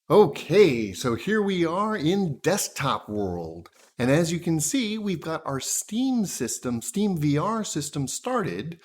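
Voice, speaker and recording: A man hosting a tutorial, patiently walking through software setup step by step. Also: on the high side. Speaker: tutorial host.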